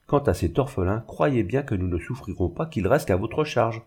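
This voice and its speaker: A scheming older widow, voiced by a man in an audiobook. Her tone is honeyed and velvety, low and dark. It is read smoothly rather than acted out broadly. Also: animated, normal speed.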